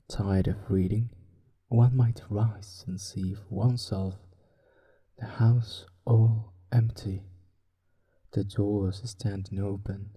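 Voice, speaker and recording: With a fairly low pitch, this Spanish-accented man, a native speaker of Spanish, murmurs relaxing bedtime talk and stories for his sleep podcast. The tone is soft, husky, and breathy, slow and hushed as it slips toward a whisper.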